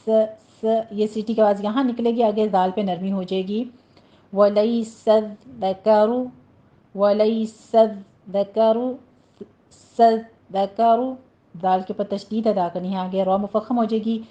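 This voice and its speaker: A woman teaching Quran recitation rules, explaining each word, then reciting it slowly and carefully. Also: mid-range voice, fairly even intonation, mellow, dull audio. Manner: instructive, drawn-out recitation of single words.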